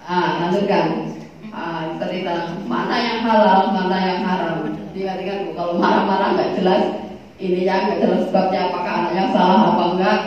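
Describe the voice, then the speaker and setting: A woman leads a religious study class in a chatty, teasing way, with joking asides. She reads Arabic passages slowly before she explains them. Her voice sounds far from the mic and muffled, and it rings through a large, very echoey hall. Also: lowish voice, fairly even intonation, darkish tone, slight background noise. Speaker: religious teacher. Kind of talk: religious study lecture to women.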